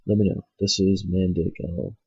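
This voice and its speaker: Heavy background noise surrounds this ranting monologue from a stuffy-nosed man who has a cold and hosts his own show. He speaks a little fast in a low, flat voice with vocal fry, profane and blunt, rambling through many fillers, all captured on a cheap mic at home in lo-fi quality.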